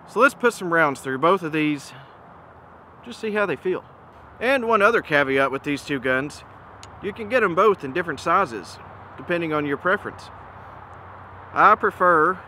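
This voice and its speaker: Bright-voiced man chatting casually over outdoor noise. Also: a little high. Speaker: gun reviewer and presenter. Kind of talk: casual product comparison talk to camera. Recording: noisy outdoor recording with ambient hum.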